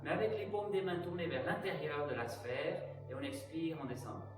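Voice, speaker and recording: A man teaching an aikido class, giving calm, measured cues for breathing and movement. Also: on the high side. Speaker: aikido instructor. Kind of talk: guided exercise instruction. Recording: very echoey room, distant mic, faint music.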